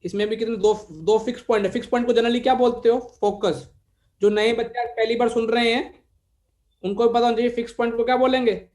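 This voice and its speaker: Indian male maths tutor, bright higher voice, addresses students as beta, dictates slowly. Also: steady tone. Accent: Indian English mixed with Hindi. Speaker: maths teacher. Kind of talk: live online class lecture.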